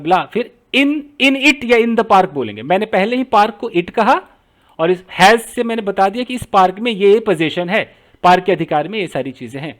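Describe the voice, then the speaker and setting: Man, teacher, high voice, repeats each phrase, keyboard typing behind. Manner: explains step by step, repeating phrases while typing. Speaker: English teacher. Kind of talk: Hindi-medium writing lesson, translating sentences.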